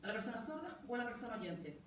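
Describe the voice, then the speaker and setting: A woman's voice: fairly high pitch, big pitch swings, fast talker, noisy background. A woman working as a sign language interpreter, voicing a deaf speaker in short, clipped phrases during a live panel talk. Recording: very echoey room, voice from far off.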